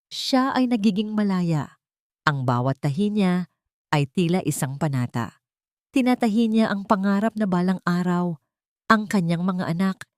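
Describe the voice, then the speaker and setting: A woman with a Filipino accent narrates a scripted, dramatic story in a mid-range, slightly mellow voice. The recording is clean studio sound with no room sound.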